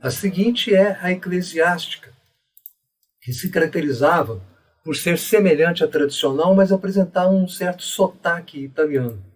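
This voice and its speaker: Brief: Brazilian male teacher, slightly high husky voice, methodical step-by-step delivery, mic a bit distant. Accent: Brazilian Portuguese. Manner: methodical, explains step by step and pronounces examples slowly. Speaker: educator explaining Latin pronunciation. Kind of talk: didactic video lesson.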